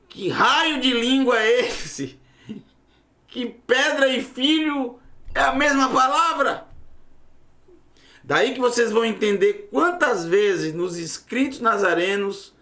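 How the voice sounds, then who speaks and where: A man's voice: sits high, fairly bright tone, echoey room. A man teaching a Hebrew language lesson to his students, emphatic and full of rhetorical questions. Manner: emphatic, rhetorical questions, bursts into raised exclamations.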